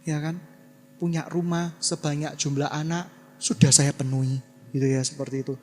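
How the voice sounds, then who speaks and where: A male pastor preaching a sermon. He swings between loud exclamations and quiet asides. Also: fairly high pitch, little pitch movement, normal speed, soft background music. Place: church hall. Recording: long church-hall reverb.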